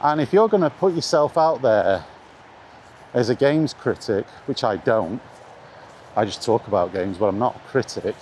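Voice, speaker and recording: Out walking in the rain, this middle-aged man shares blunt, casual takes on retro games for his vlog, driving points home by repeating them. His mid-range voice is animated and a little mellow at a normal pace, captured in a noisy outdoor recording full of ambient noise.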